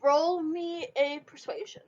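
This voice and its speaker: Woman, high voice, tabletop game master on a lo-fi group voice chat, dry sound, halting rule explanations. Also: fairly even intonation, a little mellow, dry recording. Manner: explains rules with frequent restarts and fillers.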